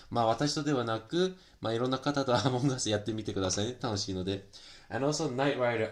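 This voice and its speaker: A man chatting casually on a live stream while he works on a hobby project, switching between Japanese and English, politely greeting viewers by name. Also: mid-range voice. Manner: switches between Japanese and English, many fillers, laughs often.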